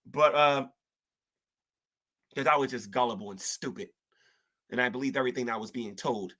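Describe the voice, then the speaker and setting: An online commentator talks to camera in casual, self-reflective commentary that rambles, with many restarts and colloquial speech like "ain't." He turns preachy, often speaking of the gospel, faith and spiritual warfare. His medium-pitched voice sounds pushed and bright, at a moderate pace.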